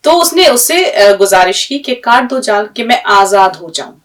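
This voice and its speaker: A woman's voice: on the high side, lively intonation, a little slow, far from the mic. A woman teacher giving a patient script and pronunciation lesson, spelling out letters one by one and telling a fable to a student. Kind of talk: language lesson with a story.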